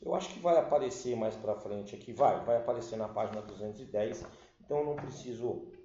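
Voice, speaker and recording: A man's voice: medium pitch, fast, mellow. A man, teaching an English grammar lesson patiently and checking that his class follows. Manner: explains patiently, checks understanding with "certo?" and "tá certo?"; addresses the class as "galera". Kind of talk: recorded online class lesson. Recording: echoey room, dull lo-fi sound.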